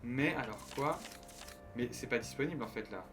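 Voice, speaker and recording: A man's voice: mid-range voice, normal speed. A young man from France, streaming a game and chatting casually with his viewers in a joking, rambling way, full of restarts. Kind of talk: casual gameplay commentary to chat. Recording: light game music behind.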